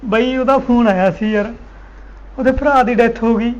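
A man's voice: extremely high pitch, moderate pace, noisy background. A young man playing a fiancé who speaks in a soothing, protective way. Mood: distraught. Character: young fiancé, caring and anxious. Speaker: groom-to-be. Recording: dull sound under loud music.

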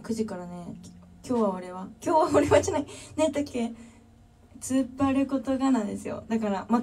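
A woman's voice: mid-range voice, mellow, recorded from a distance. A young woman with a Kansai accent chatting casually on a livestream, reading viewer comments and thanking fans one by one. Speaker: drummer livestreamer.

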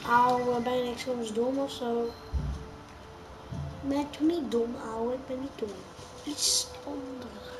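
A woman giving chatty, excitable gaming commentary, dropping English phrases and swearing as she plays. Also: a little high, slow, long pauses. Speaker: gaming YouTuber. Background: game music.

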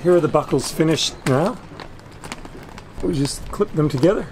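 Wind and ambient noise drift through this camera-mic recording of a man in his fifties demonstrating a boat repair on the deck of his anchored sailboat. He walks through each step while working, his fairly high voice a little mellow and moving at a normal speed.

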